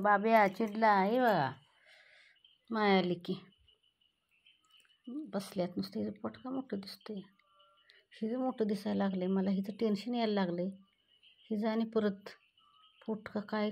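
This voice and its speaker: A woman, scolding and cooing at her cats in a casual home video. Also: mid-range voice. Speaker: cat owner vlogger. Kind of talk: casual talk to pet cats.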